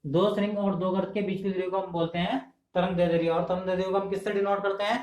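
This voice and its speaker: Male tutor, higher voice, drills terms by asking and answering, camera audio in an echoey room. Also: level tone, fast talker, darkish tone. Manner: asks questions and answers them himself, repeats key terms. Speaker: exam-prep teacher. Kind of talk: classroom lecture. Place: indoor room filmed on camera. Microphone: camera mic.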